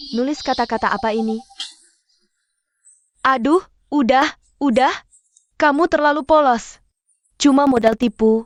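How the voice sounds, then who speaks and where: A woman's voice: a little high, dry recording, natural voice. An actress as a fussing, doting mother. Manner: fussing, coaxing. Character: doting, chatty middle-aged mother.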